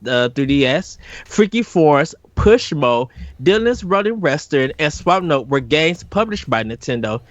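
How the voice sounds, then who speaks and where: A man's voice: on the high side, fairly bright tone, no echo, dull audio. A man hosting a podcast discussion in a semi-scripted style. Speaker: podcast host.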